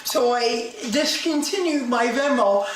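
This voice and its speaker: A woman's voice: fairly high pitch, expressive. Gender: female. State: drunk. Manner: agitated complaints. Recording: very echoey, distant, faint noise.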